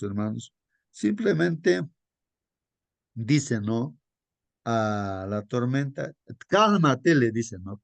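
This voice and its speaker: Man preaching a Bible lesson, gravelly voice, dry close sound, rhetorical questions, emphatic rises. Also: dry recording. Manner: addresses listeners as brothers, asks rhetorical questions; pitch jumps up for emphasis, drops soft on asides. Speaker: Bible study teacher. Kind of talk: sermon-style Bible lesson.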